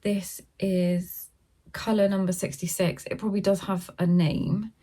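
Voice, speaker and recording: A middle-aged woman chatting through a casual yarn haul, filmed on her phone at home and sometimes talking softly so a sleeping baby stays asleep. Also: mid-range voice, little pitch movement, a little slow. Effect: filmed on a phone camera. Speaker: craft vlogger.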